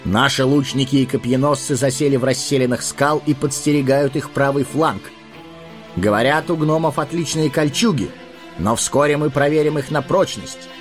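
A man's voice: medium pitch, moderate pace, faint music behind, pitched above the performer's own voice, natural voice. A man voicing a bold, scornful human war leader who talks in a mocking, commanding way.

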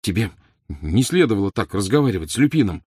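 A man voicing a blunt teenage boy in a storybook reading, slow and growled. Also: fairly low pitch, big pitch swings, darkish tone, breathy edge, no room sound, studio quality.

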